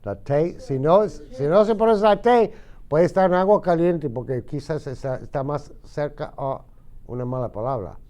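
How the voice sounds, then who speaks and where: A middle-aged man teaching an English vocabulary lesson to a classroom of students, speaking slowly and patiently and repeating words for them to echo back. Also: on the high side, mellow, muffled recording. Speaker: ESL teacher.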